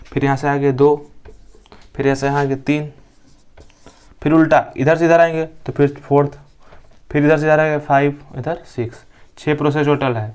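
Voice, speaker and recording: A man's voice: fairly high pitch, fairly even intonation, normal speed, long pauses, a little mellow, clear, resonant tone. A young man from India teaching a science lesson. He asks the class questions, answers them himself and repeats each key term. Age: young adult. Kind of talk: classroom lecture.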